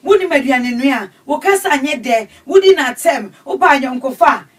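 A middle-aged woman with a Ghanaian accent hosting a call-in advice show in a small radio studio, animated and gesturing as she talks. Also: high-pitched, moderate pace. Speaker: radio host and counselor. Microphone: studio mic, camera across the room. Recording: distant camera audio in studio.

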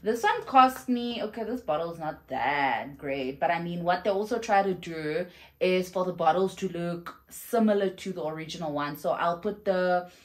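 Indoors in a shelved room at home, a young woman from South Africa reviews perfume for her vlog, speaking into a camera set in front of her. Her voice is on the low side at normal speed, and she gushes, exclaiming and using fillers.

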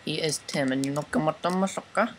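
A man's voice: on the high side, fast, background noise. A man chatting casually while playing a game, joking around and chanting "bruh". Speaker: gamer. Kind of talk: casual gaming chat.

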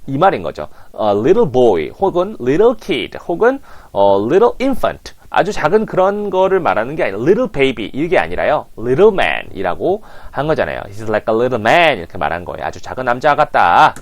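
Man, English coach, expressive sweeping intonation, keeps urging repeats, lapel mic. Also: mid-range voice, normal speed, hardly any pauses. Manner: animated, keeps prompting listeners to repeat. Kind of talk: language lesson.

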